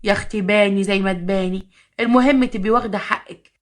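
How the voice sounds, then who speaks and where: Woman narrator doing a pushy Egyptian mom, rapid and blunt. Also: mid-range voice, lightly acted. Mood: scolding. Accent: Egyptian Arabic. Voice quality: bossy, blunt. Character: sharp-tongued Egyptian mother egging her daughter on.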